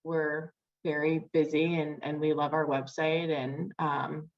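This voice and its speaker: A woman's voice: sits low, little pitch movement, measured pace, dull audio. A young adult woman, a florist guest on a video call, talking casually with many "like"s and "um"s. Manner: chatty, many fillers like "like" and "um".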